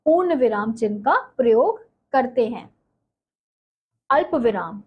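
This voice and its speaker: A woman teaching Hindi to children, with a slightly husky voice pitched a little high. She takes her time, repeats each point and asks questions that she answers herself. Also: animated, lo-fi sound. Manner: slow, explanatory, repeats and asks questions then answers them. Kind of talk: online class lesson.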